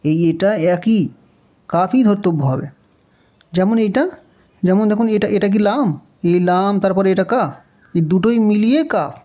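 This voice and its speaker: A man with a Bangladeshi Bengali accent who teaches Quran reading, slowly naming letters one by one and repeating them patiently. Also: high-pitched, darkish tone.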